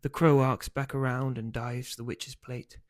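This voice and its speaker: A man's voice: medium pitch, moderate pace. Man reading his own novel. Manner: steady storytelling, loose and hesitant when speaking offhand.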